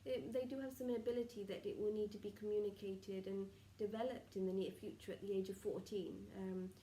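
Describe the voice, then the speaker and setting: A woman speaking as a seance medium in trance, voicing benevolent spirit guides with formal, halting, stilted phrasing and murmured pauses. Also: medium pitch, fairly even intonation, dark tone, lightly acted. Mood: gentle, instructive. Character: solemn benevolent collective of spirit guides advising a client. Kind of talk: seance medium channelling, improvised spiritual counsel. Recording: roomy, distant mic with faint noise.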